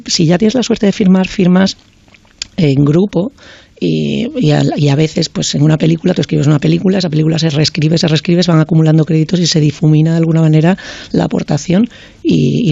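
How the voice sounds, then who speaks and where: A man talking as a panelist in a casual radio discussion, halting and repeating words as he searches for his phrasing. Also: a little high, steady tone, creaky, dark tone, slightly rough, no room sound, muffled recording. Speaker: screenwriter, panelist.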